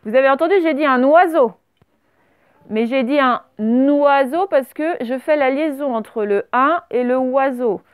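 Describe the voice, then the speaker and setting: A woman teaching a primary class, dictating words slowly and spelling them out letter by letter. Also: high voice, smooth, no room sound. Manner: slow, over-articulated dictation of words.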